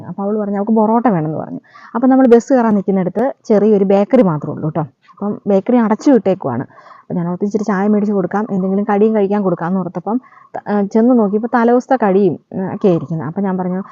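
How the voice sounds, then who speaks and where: A woman vlogger tells a story in a chatty, casual way, tacking a friendly "you know" onto her sentences. Her mid-range voice moves at a quick pace. The recording is dull, lo-fi and dry, with no echo.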